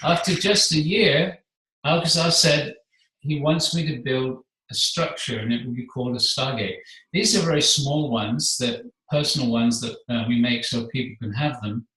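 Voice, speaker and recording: A man speaking as a guest, explaining his spiritual work in a measured, earnest way. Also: medium pitch, bright, forceful tone. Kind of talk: calm explanatory conversation. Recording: echoey room, distant mic.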